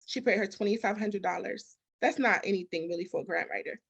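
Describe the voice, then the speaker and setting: A creaky, husky mid-range voice belongs to a woman who talks fast. She's a guest expert, a business consultant and grant specialist, speaking emphatically in a conversational interview, acting out bits of dialogue and peppering in rhetorical questions.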